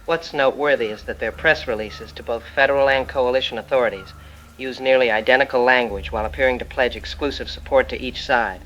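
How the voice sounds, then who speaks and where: Playing an investigative journalist who uncovers corporate profiteering, this man gives his precise, analytical findings as formal news testimony in an audio drama, serious and concerned. His medium-pitched, fairly bright voice is brisk and lightly acted. Noisy ambience surrounds a muffled, lo-fi recording.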